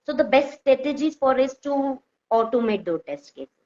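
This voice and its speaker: A woman with a North Indian accent explaining informally with examples, in halting, repetitive phrases that she often corrects as she goes. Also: sits high, expressive, a little mellow. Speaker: software testing expert, guest speaker. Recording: dull, lo-fi audio.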